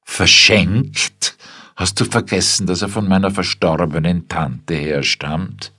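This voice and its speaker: A man's voice: sits low, takes it slowly, vocal fry, fairly bright tone, husky, no room sound, clean studio sound, exaggerated voice. A man voicing a stiff, formal old general who asks curtly, in a spoken story. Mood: wistful.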